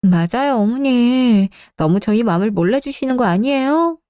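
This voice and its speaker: A politely cold young daughter-in-law, played by a woman in a radio drama, speaking with formal words but no warmth. Her voice is somewhat high and recorded dry and close. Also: expressive, moderate pace, clear, resonant tone, no room sound, lightly acted. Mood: curt. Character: curt young-adult daughter-in-law, a teacher. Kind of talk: Korean radio drama acting.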